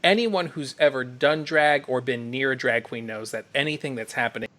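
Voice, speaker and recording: A man with a campy, animated manner, telling a backstage story as a podcast host. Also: mid-range voice, normal speed. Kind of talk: casual storytelling.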